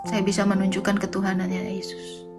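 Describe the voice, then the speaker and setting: With music playing behind her, a mid-range woman runs a laid-back livestream debate, needling viewers through sing-song rhetorical questions. Her delivery is completely flat and a little fast.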